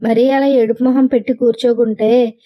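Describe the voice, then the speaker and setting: A woman's voice: a little high, flat delivery, normal speed, highs cut off, natural voice. A woman voicing a scolding, nagging old grandmother.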